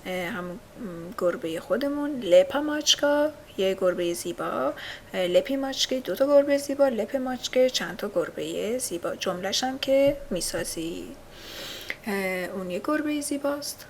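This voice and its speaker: A woman in the middle of her range walks learners through a language lesson. She says each word slowly and repeats it for practice. A faint hiss of noise sits under her voice. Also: medium pitch, animated. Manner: patient, repeats words slowly and drills learners. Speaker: language teacher.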